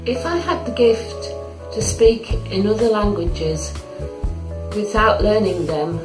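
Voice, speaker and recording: Woman reading bible slow and careful, echoey room, music playing. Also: medium pitch, expressive. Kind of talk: reading scripture.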